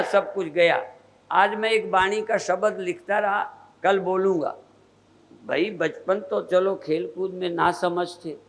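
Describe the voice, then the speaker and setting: Older male guru, sermon delivery, unhurried and repetitive, pitched high. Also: gravelly, fairly bright tone, rough recording. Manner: measured, repetitive preaching cadence. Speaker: spiritual teacher.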